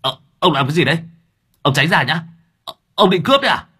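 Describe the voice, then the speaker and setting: A man voicing a hot-tempered male motorbike-taxi driver who talks loud, brash and crude. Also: on the low side, very animated, normal speed, breathy edge, heavily acted. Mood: blustering angry.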